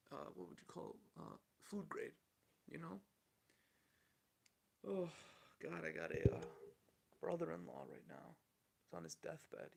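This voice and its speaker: A podcast host in his thirties rambles candidly through the news on his solo show, swearing casually. His voice is on the high side, gravelly and fairly bright.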